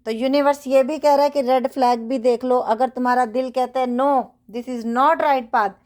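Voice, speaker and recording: A woman's voice: high voice, fairly even intonation, normal speed, a little mellow. A woman giving a casual tarot reading for her viewers from her bedroom. She talks earnestly and preachily, repeats phrases, and mixes in English affirmations. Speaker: tarot reader. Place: home bedroom, cards spread on a bed.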